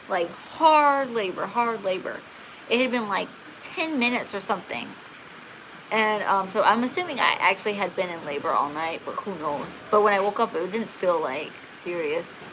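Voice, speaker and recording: A woman tells a story casually, filling her sentences with "like" and laughing along the way. Her voice sits at an ordinary middle pitch. The home recording carries a steady hiss behind her. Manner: chatty, lots of "like" fillers, laughs while telling. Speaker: dog channel host.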